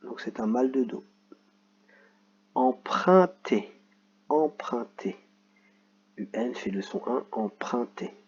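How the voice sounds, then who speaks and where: Male schoolteacher, very slow and patient, slightly husky voice, muffled low-fi sound. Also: mellow. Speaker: teacher. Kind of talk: reading lesson for children.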